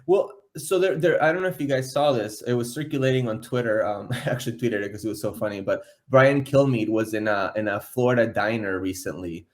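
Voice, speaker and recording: A man's voice: fairly low pitch, fairly quick, hardly any pauses. Blunt, profane male podcast guest. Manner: blunt, profane, laughing asides. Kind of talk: casual political chat.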